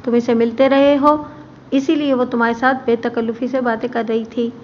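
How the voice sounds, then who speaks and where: A woman's voice: a little high, level tone, a little fast, close to an everyday voice. A woman voicing a strict, controlling older mother who speaks in a cold, commanding tone, read as a storybook figure. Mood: stern. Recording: muffled with faint background hiss.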